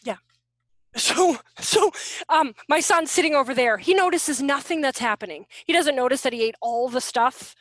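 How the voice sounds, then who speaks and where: A woman giving a casual, animated teaching workshop over a video call from home, with quick asides. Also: sits high, no echo. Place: room at home.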